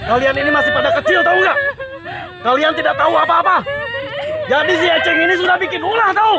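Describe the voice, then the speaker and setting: A man's voice: very high voice, fast talker, gravelly, a loud crowd, heavy background noise. A man with a Sundanese accent playing a bossy bullying thug who barks orders, in a comedy short film. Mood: menacing. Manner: shouting, barking orders. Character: bossy bullying male thug gang member.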